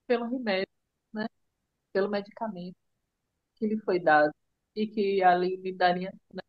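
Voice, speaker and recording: A middle-aged woman with a Brazilian Portuguese accent, telling her son's illness story in a tender, halting way with many restarts. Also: medium pitch, no echo, muffled recording. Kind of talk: emotional personal storytelling.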